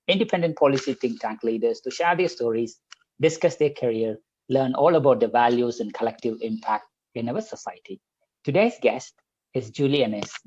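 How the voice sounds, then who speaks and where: A man hosts a podcast, reading out a long introduction for his guest with light jokes and a few stumbles before the interview. His mid-range voice is a little mellow and slightly rough, and the sound is lo-fi.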